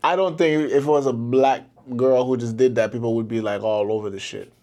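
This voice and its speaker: A man's voice: medium pitch, steady tone, a little fast, a little mellow. A man co-hosting a casual podcast, reacting with laughter and exasperation. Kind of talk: casual banter.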